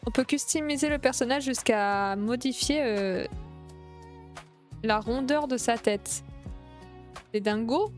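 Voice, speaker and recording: A young woman streamer chatting excitedly while playing a game, gushing over everything she sees. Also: fairly high pitch, unhurried, soft background music. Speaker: Twitch streamer. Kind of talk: casual gameplay streaming.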